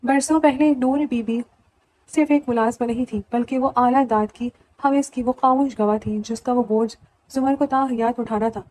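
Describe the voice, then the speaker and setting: A woman narrating a romantic novel as an audiobook, in steady storytelling. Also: fairly high pitch, low-quality recording. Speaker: novel reader.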